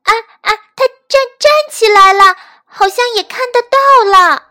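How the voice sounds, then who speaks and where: A woman's voice: extremely high pitch, animated, unhurried, bright, forceful tone, pitched above the performer's own voice, exaggerated voice. A woman voicing a timid little boy pterosaur chick in a storybook, stammering and eager. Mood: panicked.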